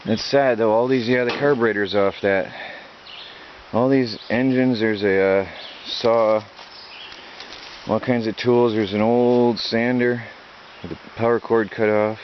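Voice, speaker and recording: A man's voice: lowish voice, fairly even intonation, measured pace. A man talking casually as he rambles through a vlog outdoors in the countryside, by a creek. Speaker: vlogger. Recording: dull lo-fi outdoor audio, loud creek and nature noise. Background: running creek water, insects.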